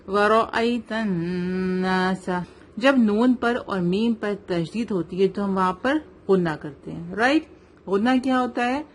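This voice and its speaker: A woman with a Pakistani Urdu accent teaching tajweed in an online lesson, slowly modelling recitation and checking with the student. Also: medium pitch. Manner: slow, careful modelling of recitation, checks with "right?".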